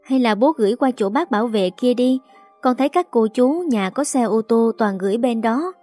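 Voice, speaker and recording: A woman voicing a small chatty daughter who pleads with her parents in a high childlike voice, with soft music behind. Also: moderate pace, close to an everyday voice. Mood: eager.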